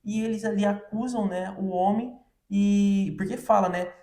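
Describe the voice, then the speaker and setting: Speaking at a moderate pace with fairly even intonation, this podcast co-host walks listeners through a Bible reading in an easygoing, conversational way. His voice is high-pitched with a darkish tone, the room is echoey, and "né" and "tipo assim" crop up again and again.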